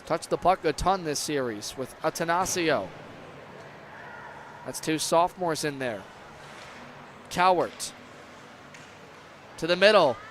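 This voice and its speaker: A man's voice: a little high, takes it slowly, pauses often. A man doing live play-by-play commentary of an ice hockey game. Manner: erupts into excited shouts on big plays. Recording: clear background noise.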